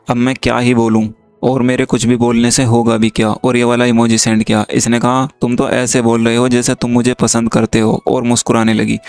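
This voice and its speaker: A young man casually narrating a chat he is showing on screen, retelling it in a very flat, monotone way. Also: mid-range voice, smooth. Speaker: YouTube creator.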